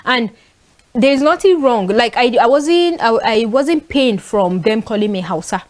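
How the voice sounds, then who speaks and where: On a casual talk show panel, a young northern Nigerian woman with a Nigerian accent recounts stories with animation and plenty of fillers. She speaks a little slowly, her voice sitting on the high side.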